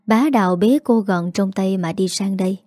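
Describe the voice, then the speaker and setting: A woman narrating a family drama story in a steady scripted storytelling manner. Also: mid-range voice, moderate pace, dry recording, clean studio sound.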